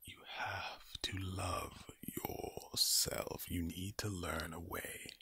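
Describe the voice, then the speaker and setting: An Irish-accented ASMR creator whispers soothing affirmations in a low, breathy, gravelly voice. He speaks slowly and deliberately, repeating his phrases, with a steady yet sharp tone.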